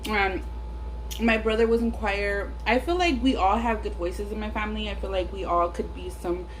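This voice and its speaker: A woman's voice: mid-range voice, normal speed, poor audio. A woman chats casually and bluntly, rambling and swearing through a story while eating chicken wings. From Los Angeles area, California. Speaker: mukbang vlogger. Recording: clear background noise, air conditioning hum. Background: air conditioner.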